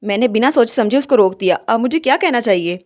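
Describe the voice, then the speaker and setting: A woman's voice: fairly high pitch, animated, quick pace, close to an everyday voice. A woman voicing a stiff, awkward adult male duke in a storybook retelling. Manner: hesitant, formal.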